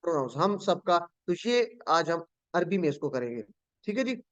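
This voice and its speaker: Patient teacher on a dull, dry line. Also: male voice, a little high, big pitch swings, normal speed, fairly bright tone, no room sound. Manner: patient, repeats phrases, quizzes students. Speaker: Quran and Arabic teacher. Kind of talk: online class lesson.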